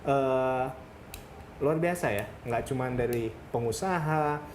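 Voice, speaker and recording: A woman hosting a morning TV show, chatting with a guest and quickly encouraging her answers. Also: very deep voice. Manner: chatty, lively interviewer with quick encouraging backchannels. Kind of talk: TV studio interview. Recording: noisy TV studio.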